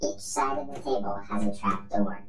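A man's voice: on the low side, moderate pace, fairly bright tone, lightly acted. A man voicing a cheerful male robot magician who presents tricks with upbeat showman patter. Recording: roomy echo with faint music.

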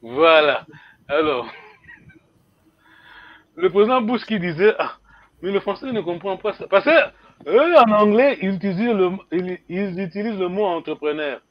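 A man teaching a language class, explaining slowly and hesitantly, repeating words and chuckling often. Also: high voice, expressive, lo-fi sound.

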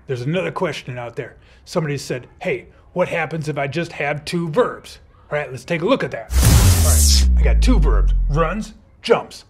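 Husky man as a playful comma superhero. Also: on the high side. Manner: playful, upbeat superhero persona. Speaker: teacher playing a comma superhero. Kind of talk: educational video for kids.

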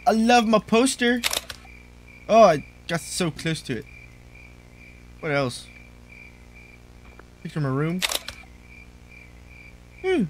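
A man's voice: high-pitched, a little hiss or hum, rough recording. Goofy young man playing a horror game. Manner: goofy, jokey running commentary. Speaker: gaming channel host. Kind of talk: horror game let's play commentary.

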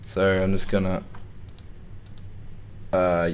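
A young gaming YouTuber with a slightly sore voice casually comments on his gameplay, thinking aloud as he plays. His voice sits low, his delivery is completely flat, and he talks slowly, wondering and muttering to himself.

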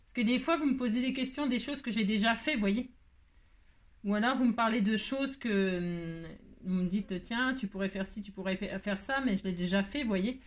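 A woman at medium pitch hosts a casual craft tutorial, rambling to viewers in a hurried, self-mocking way. She keeps slipping in asides.

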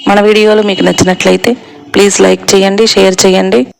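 Flat, even-toned story narrator. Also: medium pitch, brisk, gravelly.

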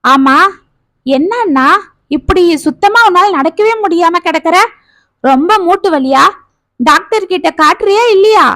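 A woman's voice: very high-pitched, expressive, a little slow, pauses often, a bit bright, no echo, voice pushed up, exaggerated voice. A woman storyteller voicing a caring middle-aged village sister who fusses over her ailing brother. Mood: fussing.

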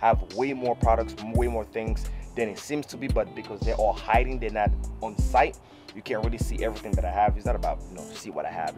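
Low-pitched man in a casual vlog. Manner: repetitive, explanatory, addresses viewers directly as "you guys". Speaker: mobile car detailer and video host. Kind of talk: casual instructional vlog talking to camera. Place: outdoors on an open rooftop parking lot beside a van. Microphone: camera mic, mostly handheld at arm's length.

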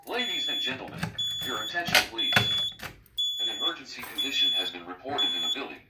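A man reading a formal emergency evacuation message in a calm, measured way, played back through fire alarm loudspeakers. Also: mid-range voice. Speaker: recorded emergency announcer. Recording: echoey, distant loudspeaker with loud noise.

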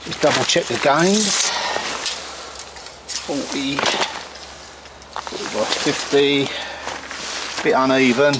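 A man's voice: medium pitch, slow pace, pauses often, heavy background noise. Cheerful man working on his cottage. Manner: cheerful, talks to viewers as he works. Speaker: vlogger renovating a cottage. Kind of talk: casual chatty narration while working. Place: stone cottage interior and cold garden outdoors.

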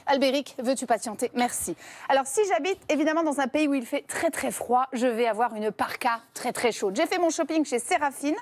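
A woman's voice: sits high, brisk. A woman demonstrating babywearing coats on a TV set, chatty and playful. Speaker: babywearing expert presenting products. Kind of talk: TV product demonstration. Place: TV studio set.

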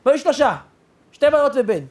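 A man voicing a gruff, irritable, wealthy older father who snaps and shouts, with a lively swinging pitch. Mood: curt. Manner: shouting, indignant, curt.

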